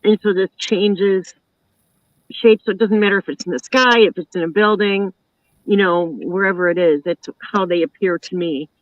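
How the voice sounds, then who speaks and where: A woman's voice: medium pitch, normal speed, lo-fi sound. A woman hosting a live online talk show, chatting casually and rambling with lots of "you know" and "like". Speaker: host.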